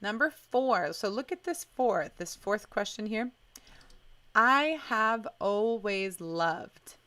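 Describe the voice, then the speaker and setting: Slow, encouraging woman teaching English. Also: mid-range voice, lively intonation, bright, forceful tone, dry recording. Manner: slow, explains with Portuguese phrases mixed in; encouraging, reads student questions aloud. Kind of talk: live online English lesson. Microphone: live stream mic.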